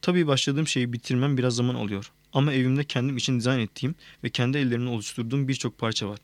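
Male narrator doing a cocky TV psychologist, self-assured and playful, mid-pitched voice, dry close recording. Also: fairly even intonation, racing, dry recording, lightly acted. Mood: smug. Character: smug celebrity male psychologist, showman. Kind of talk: audiobook character reading.

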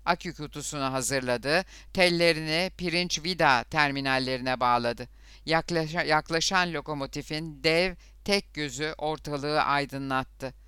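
Crisp, bright male audiobook narrator. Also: on the high side, no echo, clean studio sound. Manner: steady, measured storytelling. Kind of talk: scripted narration.

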